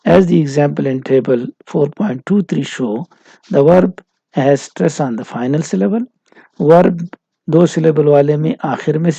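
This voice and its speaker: Male lecturer with a Pakistani accent, measured delivery, husky mellow tone, dry close recording. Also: a little high, dry recording, muffled recording. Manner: reads English lines slowly, explains them quickly in Urdu. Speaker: university lecturer. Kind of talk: recorded lecture mixing Urdu and English.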